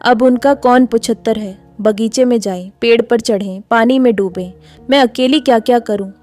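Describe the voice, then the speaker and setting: A woman's voice: on the high side, moderate pace, a little mellow, dry recording, faint music behind, natural voice. A woman reading a proud, wounded village stepmother. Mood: resentful. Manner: brusque and resentful.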